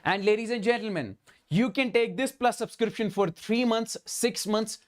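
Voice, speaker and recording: A man with a Kashmiri Indian accent speaks in a fairly high voice as a physics teacher running a live class. He addresses his students directly and keeps checking that they follow. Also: normal speed. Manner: repeatedly checks in with okay and understand.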